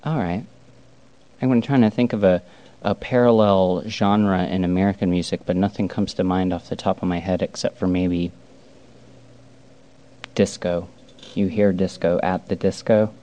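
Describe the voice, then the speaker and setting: Mellow-voiced male radio host. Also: low-pitched, lo-fi sound. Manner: relaxed, conversational, a little halting. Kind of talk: college radio announcing and interviewing. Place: radio studio. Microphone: studio microphone.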